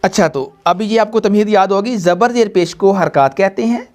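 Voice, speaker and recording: A man with a high, slightly mellow voice conducts a Quran reading class for students and viewers. Patient and slow, he drills by repeating points and posing call-and-response questions.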